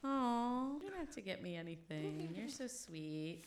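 A young woman hosts a casual podcast, talking in a bubbly, gushing way. Her voice sits at an ordinary middle pitch, and her talk is full of giggles and fond asides. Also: expressive, a little slow. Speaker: podcast host.

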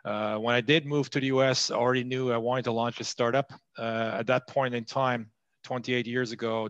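A man from France in his late forties speaks in an even, level tone with little rise and fall, pausing often on "uh" as he works through a story. His voice sounds close and dry, as if carried over a slightly dull, lo-fi call line. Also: medium pitch, no room sound. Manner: relaxed, steady, frequent "uh" fillers. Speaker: podcast guest, startup founder. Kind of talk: interview storytelling.

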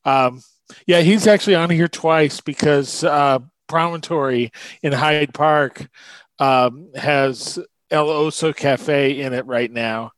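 Casual male podcast guest, slurred thick-tongued speech as if the tongue is swollen, slightly raised pitch, searching for words. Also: slow pace, no room sound. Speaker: guest, food writer. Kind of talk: casual interview talk.

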